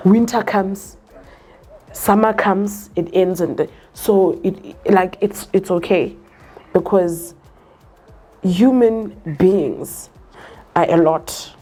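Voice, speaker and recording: Earnest South African woman, mellow voice. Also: mid-range voice, slow pace, long pauses, faint music behind. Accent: South African, Zulu-speaking. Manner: earnest, switches between English and Zulu. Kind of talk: casual chat.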